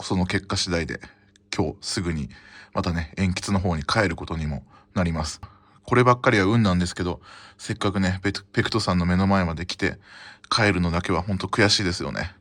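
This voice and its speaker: A man's voice: low-pitched, a bit bright. A Japanese man from Japan, chatting casually to the camera as a travel vlogger and often exclaiming to himself. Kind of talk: casual travel vlog narration. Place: hotel and hot spring resort, indoors and outdoors.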